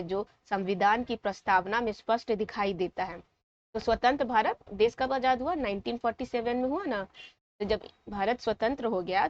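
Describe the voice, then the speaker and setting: A woman's voice: mid-range voice, no echo. Female teacher, Bihari Hindi accent, patient and repetitive delivery, dull dry recording. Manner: repetitive, coaxing, checks with "ठीक है". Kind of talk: explaining a school lesson to students.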